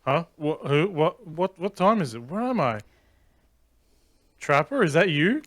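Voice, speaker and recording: A man's voice: a little high, expressive, unhurried, fairly bright tone, no echo, studio quality. An Australian man voicing a flustered, awkward male detective in a dating game. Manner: flustered, stammering.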